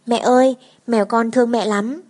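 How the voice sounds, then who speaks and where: Small twin children in their first school year, chattering away in high, eager little voices, as a woman reads them aloud. They pipe up together, bright and childlike, clamouring for their mother. The storybook delivery keeps them sweet and lively. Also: normal speed, lightly acted.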